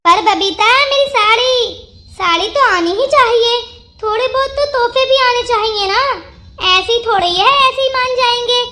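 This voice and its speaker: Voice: very high-pitched, normal speed, sharp tone. A performer voicing a proud, demanding elder sister-in-law who wheedles for gifts. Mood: wheedling. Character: proud elder sister-in-law, gift-hungry then repentant. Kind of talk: cartoon voice acting.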